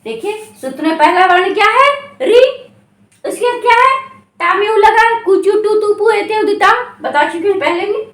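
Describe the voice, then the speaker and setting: High, lively woman teaching slowly in an echoey room. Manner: repeats questions and answers them herself; slow, drawn-out syllables when stressing sounds. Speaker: Sanskrit grammar teacher. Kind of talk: exam-prep grammar lesson.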